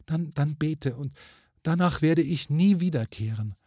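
A man's voice: on the high side, lively intonation, a little slow, mellow, breathy edge, no echo, studio quality, pitched above the performer's own voice. A man voicing the faint, sweet ghost of a murdered young woman in a storybook reading, pleading and lamenting.

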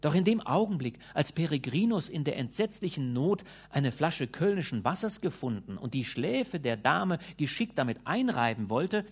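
A man reading a literary audiobook aloud with expressive, theatrical narration. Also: on the high side, moderate pace, hardly any pauses, breathy edge. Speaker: audiobook reader.

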